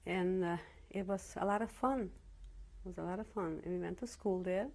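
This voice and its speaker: A Holocaust survivor from Czechoslovakia, now in her seventies and not a native English speaker (her first language being Yiddish or Slovak), reflects on her early life during an oral history interview at her Cleveland home. She speaks at a normal speed in a lowish, creaky, slightly mellow voice, pausing and restarting frequently.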